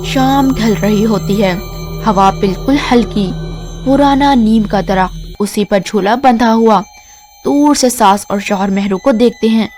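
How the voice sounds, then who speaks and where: A woman narrating a scripted horror story in a measured, suspenseful way. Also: on the high side, darkish tone. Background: music.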